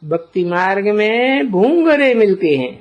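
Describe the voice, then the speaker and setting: A man giving a slow spiritual discourse as a teacher, deliberate and posing rhetorical questions to his listeners. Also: high voice, big pitch swings. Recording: dull lo-fi recording.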